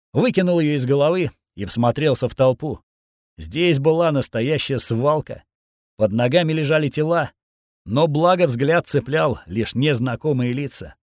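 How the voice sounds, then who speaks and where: A man's voice: medium pitch, darkish tone, dry recording, studio quality. Man reading a grim first-person audiobook. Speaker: audiobook narrator.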